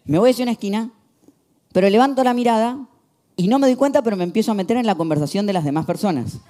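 A young man with a Rioplatense Spanish accent preaching a sermon, telling stories with lively shifts from hushed to emphatic. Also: high-pitched, fast talker. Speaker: pastor.

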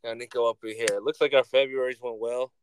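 A man hosting a podcast in casual, slangy stoner talk full of swearing, audibly high on cannabis. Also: fairly even intonation, quick pace, a little hiss or hum. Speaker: podcast host. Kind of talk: casual chat, slangy storytelling.

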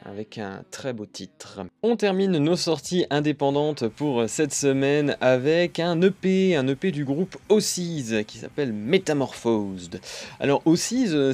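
A man's voice: medium pitch, darkish tone. Hesitant man reviewing new music. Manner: hesitant, many "euh" fillers. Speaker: music podcast host. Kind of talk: casual music review talk.

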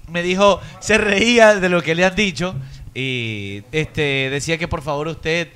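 A man co-hosting a radio show, teasing and needling the others in quick banter. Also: fairly high pitch, fairly bright tone, smooth.

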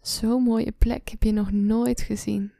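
Slow whispering woman guiding meditation. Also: on the high side, little pitch movement, creaky, no echo, studio quality. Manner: slow soft-spoken, often whispering. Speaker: meditation guide. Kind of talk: guided relaxation meditation.

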